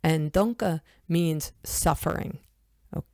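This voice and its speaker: A woman's voice: low voice, slow pace, dark tone, no echo, studio quality. A woman who teaches yoga, hosting a reflective podcast conversation and speaking earnestly to her listeners. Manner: earnest, addresses listeners as "my friends".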